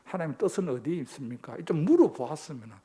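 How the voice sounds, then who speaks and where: A man's voice: a little high, very animated, fast, warm tone, breathy edge. A male pastor, preaching a sermon emphatically and posing rhetorical questions to the congregation.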